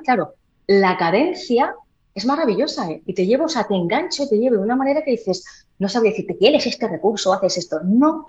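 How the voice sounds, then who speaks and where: A woman voice therapist explaining in a podcast interview, demonstrating by changing her volume and slowing down. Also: mid-range voice. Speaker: voice therapist and trainer.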